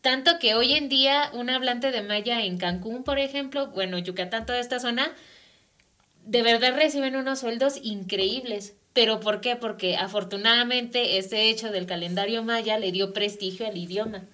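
On an academic radio talk show, a Mexican woman with a Mexican Spanish accent explains language issues as the guest speaker, recorded in a studio and often tossing in tag questions. Her voice is on the high side and sharp in tone, delivered at a moderate pace.

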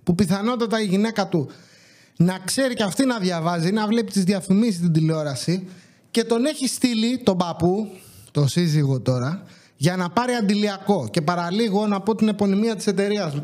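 A man hosting a podcast, telling exasperated comic stories from his supermarket job and acting out the dialogue. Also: sits high. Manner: animated, exasperated, acts out dialogue. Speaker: podcast host, supermarket worker. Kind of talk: comedic storytelling.

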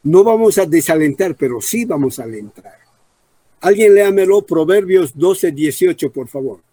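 A man preaching a Bible study sermon, repeating key phrases, slowing down on emphasized words and asking the congregation questions. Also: fairly high pitch, animated, dark tone, breathy edge, dry recording.

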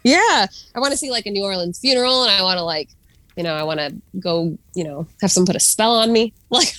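A woman's voice: mid-range voice, lively intonation, fast talker, a bit bright, no room sound. A woman co-hosting a podcast in casual chat, talking loosely with lots of fillers and frequent laughs. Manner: chatty, laughs often, many fillers. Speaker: podcast co-host.

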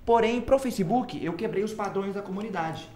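Brazilian portuguese accent guy on a podcast, high voice, talks real fast, slangy and sweary. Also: a little mellow, slight background noise. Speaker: podcast host. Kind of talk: casual chat.

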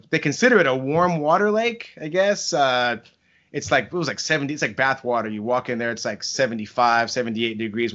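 A man's voice: mid-range voice, fairly bright tone. A middle-aged man chatting casually on a podcast, telling anecdotes in a rambling, conversational way. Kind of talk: casual chat, anecdotal storytelling. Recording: dull lo-fi podcast audio.

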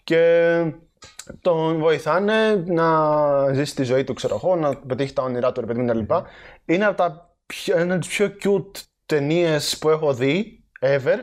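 A man co-hosting a casual film podcast, playful and laughing often, rambling with fillers. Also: on the high side. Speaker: podcast co-host. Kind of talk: casual chat about films.

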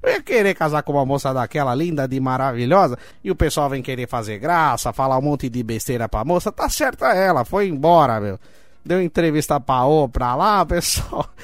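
A man's voice: mid-range voice, expressive, moderate pace, dry recording, pitched below the performer's own voice, natural voice. A man with a Brazilian accent voicing a cranky old uncle who insists he is still young, grumbling, indignant and swearing often in a comic advice segment.

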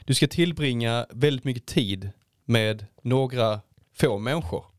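Measured, hesitant man on a dry mic. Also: mid-range voice, no room sound. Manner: hesitant, many fillers and restarts, measured. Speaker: podcast co-host. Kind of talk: casual chat.

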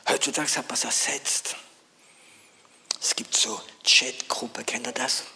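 Preacher swinging from hush to urgent calls. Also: male voice, mid-range voice, fairly even intonation, takes it slowly, slightly rough. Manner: swings between hushed near-whispers and loud urgent calls; asks the audience questions. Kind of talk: sermon.

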